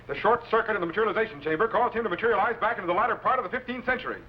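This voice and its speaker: An actor playing a commanding scientist captain, authoritative and technical, in a vintage science fiction serial. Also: male voice, high voice, lively intonation, very fast. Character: commanding time-travelling scientist captain, calm and decisive. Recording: noisy, dull vintage broadcast recording.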